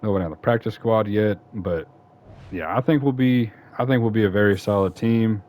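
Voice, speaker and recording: Talking quickly in a fairly low, slightly mellow voice, a gaming YouTuber rambles through football franchise mode. His commentary is casual and chatty, with frequent self-corrections.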